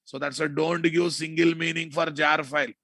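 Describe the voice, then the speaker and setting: Telugu-accented man teaching, gravelly voice. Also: fairly high pitch, flat delivery, moderate pace, sharp tone, no echo. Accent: Telugu Indian. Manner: repetitive, checks understanding often with casual asides. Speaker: programming instructor. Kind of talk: informal technical lecture.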